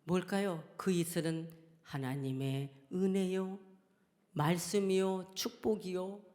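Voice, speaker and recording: A pastor delivering a sermon, dropping to hushed near-whispers and then rising to fervent shouts, calling out hallelujah and questions to the congregation. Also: medium pitch, steady tone, takes it slowly. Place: church sanctuary. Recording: long reverb of a large hall.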